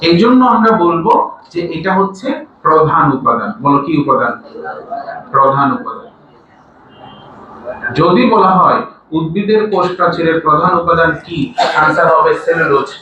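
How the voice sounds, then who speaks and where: A man teaches a classroom lecture, regularly asking his students to repeat answers back to him. His voice sits somewhat high. It carries through a very echoey room, caught from a distance with steady background noise. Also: moderate pace, long pauses, lo-fi sound. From Bangladesh. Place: large classroom. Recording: echoey room from far off, noisy.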